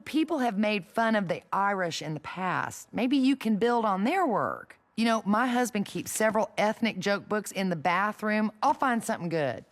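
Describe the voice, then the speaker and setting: A woman voicing an eager, chatty suburban mom in an animated comedy. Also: medium pitch, moderate pace, hardly any pauses, close to an everyday voice.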